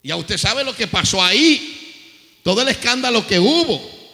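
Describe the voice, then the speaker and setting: A man's voice: sits high, expressive, unhurried, pushed and bright, in a large hall. A male preacher, delivering an impassioned sermon full of rhetorical questions and acted-out quotes.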